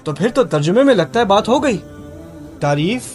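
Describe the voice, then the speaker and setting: Guy doing a quran commentary lesson, high-ish voice, quizzes the audience and repeats words, faint music underneath. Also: big pitch swings, darkish tone. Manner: asks listeners questions, repeats key words, recites Arabic verses. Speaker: Quran teacher.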